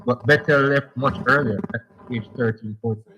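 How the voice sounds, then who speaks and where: A man's voice: mid-range voice, steady tone, moderate pace, pushed and bright, slight background noise. A man calling in to a radio talk show, chatting eagerly about cricket and often repeating himself. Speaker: caller. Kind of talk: phone-in chat about cricket. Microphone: phone line. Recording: lo-fi phone line.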